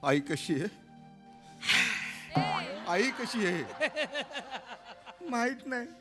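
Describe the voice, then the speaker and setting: Weepy adopted son at a funeral, voice jumps all over, stage comedy skit. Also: male voice, high voice, lively intonation, very slow, loud music behind the voice, full character voice. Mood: grieving. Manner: sobbing, comforting, pleading. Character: adopted son grieving his late father.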